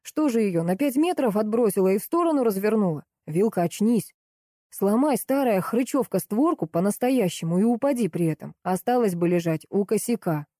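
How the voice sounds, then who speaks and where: A woman's voice: mid-range voice, expressive, normal speed, dark tone, no echo, studio quality, lightly acted. A woman reading an audiobook, voicing a rude, mocking middle-aged man who talks down to women and jeers bluntly. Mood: sneering. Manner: sneering, blunt, jeering.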